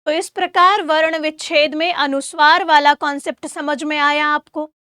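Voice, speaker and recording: High bright-voiced woman teacher. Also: fairly even intonation, no room sound, studio quality. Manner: questions and answers her own questions, drawing out sounds slowly; addresses students as "beta", gives homework. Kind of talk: exam-prep grammar lesson.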